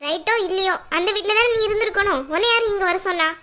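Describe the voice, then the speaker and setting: A woman's voice: very high voice, fast talker, bright, forceful tone. A woman voicing a stern older aunt who scolds her nephew bluntly in a family drama skit. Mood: scolding.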